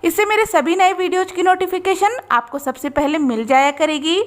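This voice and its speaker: A woman teaching young children a worksheet, reading each sentence slowly and patiently. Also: very high voice. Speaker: teacher and channel host.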